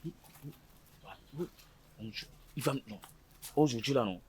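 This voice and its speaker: A man acting a caller reporting to the police in a comedy sketch, talking in hurried, hesitant bursts. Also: mid-range voice, lively intonation, a little mellow. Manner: hurried, hesitant phone talk.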